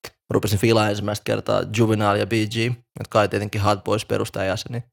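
A man's voice: fairly low pitch, flat delivery, creaky. A man chatting casually and joking in a rambling, slangy way. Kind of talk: casual chat about rap.

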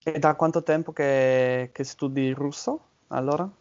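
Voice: medium pitch, fairly even intonation, moderate pace, darkish tone, highs cut off. A native English speaker from southern England with an English accent, chatting casually and searching for words in a second language. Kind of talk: casual chat about languages.

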